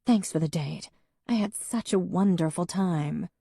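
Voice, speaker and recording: A woman's voice: fairly low pitch, unhurried, creaky, warm tone, husky, no room sound, exaggerated voice. A woman voicing a tough, sarcastic young woman with a dry delivery, in an audiobook.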